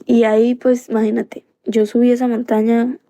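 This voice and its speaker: A woman's voice: on the high side, flat delivery, moderate pace, warm tone. A woman from Colombia, earnestly telling a personal story on a live stream into a phone, circling back with many fillers.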